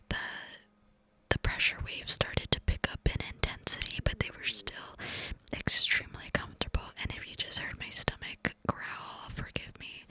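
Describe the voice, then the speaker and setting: A woman's voice: bright, forceful tone, low-quality recording. A young adult woman telling a personal story as an ASMR ramble in a cupped-hand whisper, close to the mic, rambling and repeating words. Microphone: close to the mic, mouth cupped by hand.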